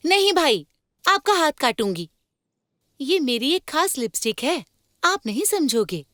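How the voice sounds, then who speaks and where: A woman's voice: high voice, measured pace, no echo, clean studio sound, exaggerated voice. A woman dubbing a playful young woman who teases and explains things with animation. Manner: teasing, animated. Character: lively young woman, playful, makes herbal lipstick. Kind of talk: Hindi film dubbing.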